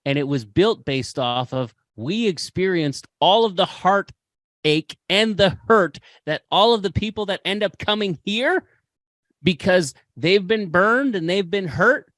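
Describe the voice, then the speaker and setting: A man's voice: sits high, expressive, measured pace, a bit bright, no echo. A man hosting a podcast, speaking with impassioned, preachy conviction and repeating phrases for emphasis. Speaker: podcast host. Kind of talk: motivational podcast talk.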